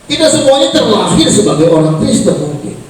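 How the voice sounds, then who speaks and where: A middle-aged man preaching a sermon to a school assembly, telling a story with animated swings from hushed to loud. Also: high voice, a little fast. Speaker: pastor. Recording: echoey room, distant mic, faint ambience.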